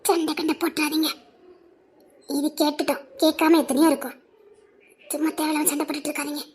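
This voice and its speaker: A woman's voice: high voice, level tone, fast talker, pitched above the performer's own voice, close to an everyday voice. A woman with a Tirunelveli accent voicing a frightened young wife who whimpers and pleads tearfully. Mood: anxious. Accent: Tirunelveli Tamil.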